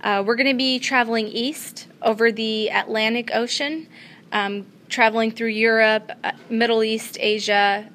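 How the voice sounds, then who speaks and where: A young woman from Afghanistan speaks as an interview guest, earnest and steady, filling gaps with ums and uhs. Her voice is bright and tense. Faint ambient noise from a convention floor sits behind her. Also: mid-range voice. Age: young adult. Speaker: student pilot guest. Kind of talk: interview answers at a trade show.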